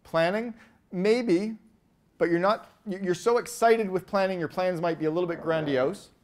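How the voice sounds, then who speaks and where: Animated man quizzing a live audience. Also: high-pitched. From Canada. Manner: animated, asks the audience quick questions, acts out quoted voices. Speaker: keynote speaker. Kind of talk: energetic live business talk with audience questions. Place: event stage before a live audience.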